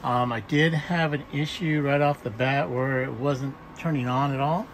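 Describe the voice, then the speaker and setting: Halting man filming his camper. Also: medium pitch, a little hiss or hum, low-quality recording. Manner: plain, halting, many ums and restarts. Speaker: camper owner showing a solar install. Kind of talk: casual walk-through narration. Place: outdoors and inside a small camper trailer.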